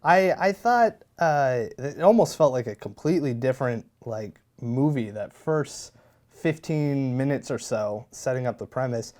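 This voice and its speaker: Animated man recounting movie scenes. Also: medium pitch, unhurried. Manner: animated, quotes scenes in lively voices. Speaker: movie review podcast co-host. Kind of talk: casual chat.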